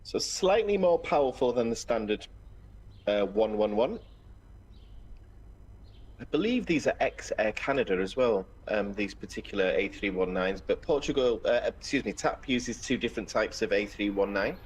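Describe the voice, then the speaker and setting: The speaker, a Welsh live stream host with some northern English in his accent, keeps his aviation commentary casual and chatty while greeting viewers in a friendly manner. He sounds husky and expressive, fairly low-pitched, at a moderate pace.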